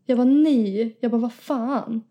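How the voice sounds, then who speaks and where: A young woman, hosting a podcast and telling an animated story in casual chat, acting out quotes and laughing often. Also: a little high, dull audio. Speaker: podcast host.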